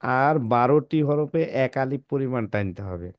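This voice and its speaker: A man teaching Arabic letter pronunciation in a classroom, reciting letters one by one with a slow, drawn-out delivery and checking in with his students. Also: medium pitch, expressive, smooth, no echo, dull audio.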